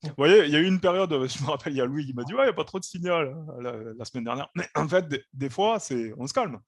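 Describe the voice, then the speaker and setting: A man's voice: fairly high pitch, fast, dry recording, studio quality. A man hosting a live trading stream, giving casual, explanatory market commentary. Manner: relaxed, explanatory, repeats "hein" and "quoi".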